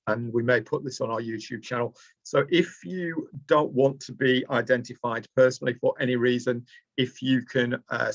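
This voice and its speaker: A middle-aged man from Preston, Lancashire, presents a live online training session from a small indoor room, speaking hesitantly with lots of ums and uhs. His voice is medium-pitched and slightly bright, and his webcam gives dry, dull, lo-fi video call audio.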